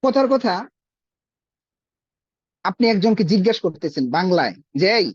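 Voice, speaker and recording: A man's voice: high-pitched, big pitch swings, unhurried, a little mellow, slightly rough, no room sound, lo-fi sound. A man teaching Arabic in an online class, explaining patiently with everyday examples. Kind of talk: online class over a group call.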